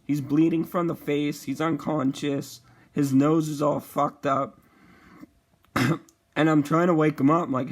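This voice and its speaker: A young man casually telling a profane storytime vlog, animated and acting out the quotes. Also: fairly high pitch. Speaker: vlogger.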